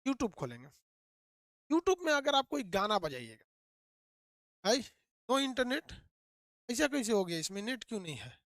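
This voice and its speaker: Male physics tutor, quick and repetitive, dry close recording. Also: high voice, wildly swooping pitch, a bit bright, dry recording. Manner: rapid, repetitive, quizzing the students. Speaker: physics teacher. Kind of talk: animated classroom lecture.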